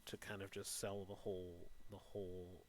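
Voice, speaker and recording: A man's voice: low voice, level tone, moderate pace. Man running a tabletop game, hesitant explainer. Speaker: game master. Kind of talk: casual tabletop game narration.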